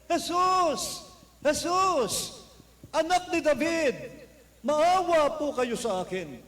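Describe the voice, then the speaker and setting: A man voicing a blind male beggar who shouts and pleads for mercy. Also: high voice, animated, brisk. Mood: pleading shout.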